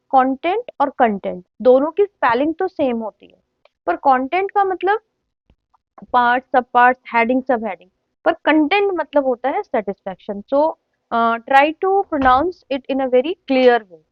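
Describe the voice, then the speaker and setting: A woman teacher giving a classroom lecture, mixing Hindi with slow, deliberate English phrases and often asking the students whether they follow. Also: high voice, no room sound. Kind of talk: classroom lecture explaining communication skills. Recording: dull, dry, lo-fi lecture recording.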